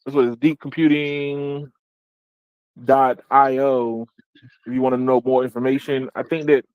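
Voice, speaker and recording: A man's voice: medium pitch, little pitch movement, measured pace, clean tone, no room sound. Guy hosting a tech podcast, rambles and restarts a lot, dry slightly dull sound. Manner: rambling, restarts, laughs often. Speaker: podcast host. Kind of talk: casual tech podcast chat.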